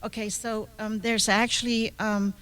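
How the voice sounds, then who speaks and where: Dutch woman, native Dutch speaker, psychic radio guest, halting broken English, medium pitch. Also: little pitch movement, background noise. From Netherlands. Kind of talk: live radio studio chat. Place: radio studio.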